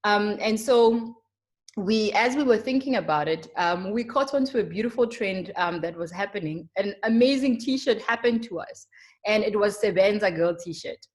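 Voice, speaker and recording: A woman's voice: medium pitch, expressive, normal speed. A young South African woman with a South African accent, a marketer giving an earnest, emphatic webinar presentation with frequent ums. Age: young adult.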